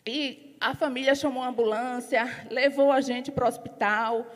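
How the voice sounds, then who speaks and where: A middle-aged woman giving a lively, animated testimony to a church congregation. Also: high voice, normal speed. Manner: lively, animated storytelling with laughter. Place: church hall. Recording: long hall reverb.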